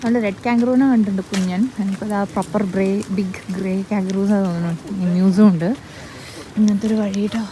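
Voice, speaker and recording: A woman chatting excitedly as she vlogs her visit to an animal park, mixing in English words. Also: medium pitch, brisk, a little hiss or hum, poor audio. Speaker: vlogger. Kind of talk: casual vlog narration. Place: outdoor wildlife park with rain.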